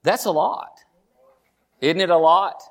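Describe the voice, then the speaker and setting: A man preaching a sermon. He repeats phrases for emphasis, calls the congregation honey and rises in pitch as he drives each point home. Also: takes it slowly.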